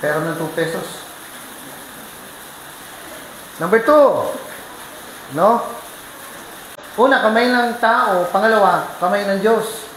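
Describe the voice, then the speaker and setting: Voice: medium pitch, a little slow, pauses often, roomy sound, slight background noise, poor audio. A pastor preaching a sermon, telling a story with energy and keeping the congregation involved with questions. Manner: lively storytelling, keeps asking the congregation questions. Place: church.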